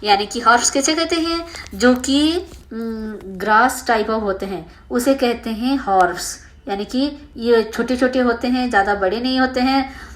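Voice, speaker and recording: A woman teaching a school science lesson. She reads textbook lines slowly in English, explains them in Hindi with many fillers, and asks her students questions that she answers herself. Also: a little high.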